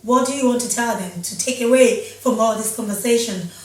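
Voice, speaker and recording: A woman hosting a studio interview, speaking slowly and affirming the guest by echoing her words. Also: a little high. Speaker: talk show host. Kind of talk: interview, encouraging backchannel. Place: studio set with sofa. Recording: very echoey studio, heard from a distance.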